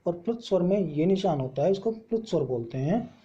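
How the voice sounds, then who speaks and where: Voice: medium pitch, animated, fairly quick, mellow, husky, dull audio. A teacher giving a grammar lesson, who asks questions and answers them himself and spells out letters one at a time. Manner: explains step by step with questions and answers.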